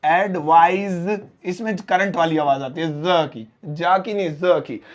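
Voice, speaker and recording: A young Indian man teaches a spoken English lesson in a fairly high voice. He breaks English example sentences into slow, separate words so students can follow. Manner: explains slowly, spelling out English example sentences word by word.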